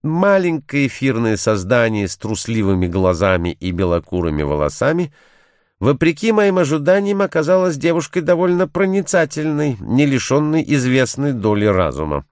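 Expressive male audiobook narrator, dry sound. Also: medium pitch, moderate pace, dry recording. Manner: expressive, lively storytelling. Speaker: audiobook reader.

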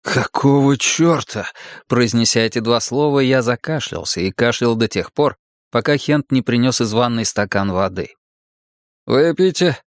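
A man narrating a first-person audiobook in a measured, dramatic reading. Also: mid-range voice, no echo, clean studio sound.

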